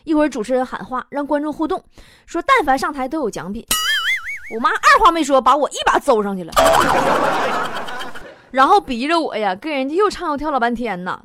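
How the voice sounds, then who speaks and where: A young woman hosts a comic monologue, wry and self-mocking. Her voice is high and swoops a lot. The recording carries heavy background noise. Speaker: host.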